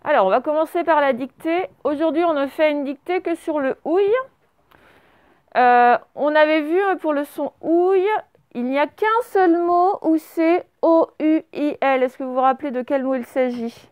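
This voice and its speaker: Woman teacher, high voice, patient, slow letter-by-letter dictation to young pupils. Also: darkish tone, no echo. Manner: slow, spells out words letter by letter; patient and encouraging. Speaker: primary school teacher. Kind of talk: dictation lesson for young children.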